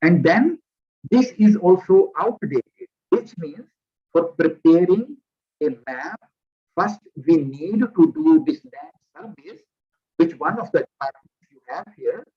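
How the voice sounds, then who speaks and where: A man's voice: sits high, very animated, slow pace, slightly rough. A man giving a visiting lecture online through a headset, explaining at a careful pace with restarts. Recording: muffled lo-fi video call audio.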